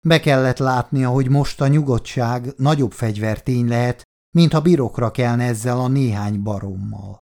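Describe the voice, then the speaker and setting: A man narrating an audiobook in a steady, measured reading voice. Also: mid-range voice. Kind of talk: scripted narration.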